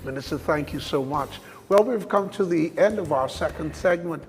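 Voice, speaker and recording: A man hosting an interview, speaking in a measured, somewhat hesitant way. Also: on the high side, big-room sound, soft background music. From Bahamas. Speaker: talk show host.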